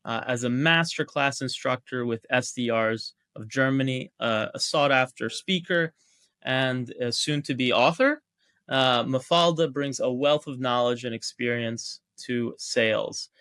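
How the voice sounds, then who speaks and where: A man's voice: mid-range voice, unhurried, fairly bright tone, smooth, no echo, clean studio sound. A man hosting a podcast, introducing and questioning his guest in an easygoing way with many "uh"s and "like"s. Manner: easygoing, with frequent "uh" and "like". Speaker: podcast host. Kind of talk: conversational interview.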